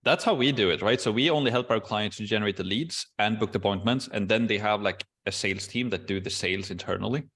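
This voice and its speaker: A man hosting a casual Q&A video call, explaining processes step by step in a relaxed way with many fillers. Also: fairly low pitch, quick pace, few pauses. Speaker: course host answering questions.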